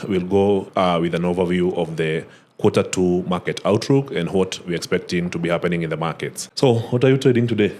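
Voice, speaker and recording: Low-voiced man hosting a podcast. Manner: relaxed, frequent "uh" fillers and "awesome". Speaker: podcast host. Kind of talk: casual podcast interview.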